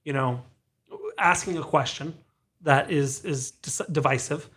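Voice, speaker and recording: Animated man hosting a podcast. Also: fairly high pitch, unhurried, husky. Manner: animated storyteller who acts out quoted dialogue. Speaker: podcast host. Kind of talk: casual podcast interview.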